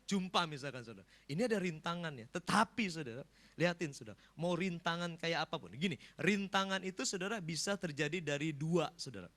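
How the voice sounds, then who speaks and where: Animated male pastor preaching. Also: high voice. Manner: lively, animated preaching with sudden loud bursts and repeated "saudara". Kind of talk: sermon.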